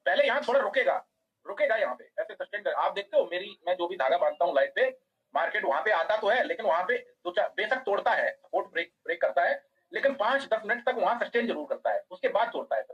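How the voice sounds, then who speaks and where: A man teaching a live online trading class, talking fast in a high, husky voice. He explains a chart point by point and checks with students by name whether they understand. The sound is dull and lo-fi. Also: animated.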